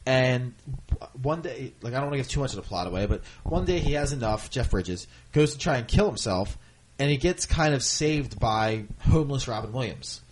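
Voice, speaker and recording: Laid-back man with a lively voice. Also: medium pitch, normal speed, slight background noise. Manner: easygoing, laughs often, asks questions. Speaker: podcast co-host. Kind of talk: casual chat.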